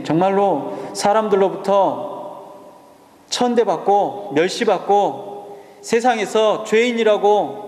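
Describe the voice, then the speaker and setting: A man's voice: high-pitched, darkish tone. A male pastor preaching a sermon, emphatic and asking the congregation rhetorical questions. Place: church sanctuary. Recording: echoey church hall reverb.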